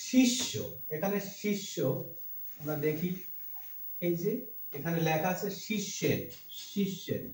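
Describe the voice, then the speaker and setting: A man teaching Sanskrit verse pronunciation, slowly breaking words into letters and chanting the lines. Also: high-pitched, darkish tone. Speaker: Gita recitation teacher. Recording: roomy echo, mic far off.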